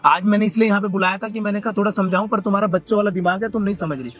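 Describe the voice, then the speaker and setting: A man's voice: high-pitched, steady tone, racing, fairly bright tone. A young man acting a harried husband who pleads with his wife's younger sister, refusing her and begging forgiveness. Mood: pleading. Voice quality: pleading, flustered. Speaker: vlogger acting in a skit. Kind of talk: scripted family drama skit.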